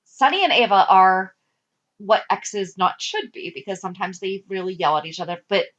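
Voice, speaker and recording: A woman co-hosts a fan podcast in easy, casual conversation. Her voice sits at a plain middle pitch. She often pauses to check facts with questions. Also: animated, fairly bright tone, highs cut off. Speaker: podcast co-host. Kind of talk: casual chat.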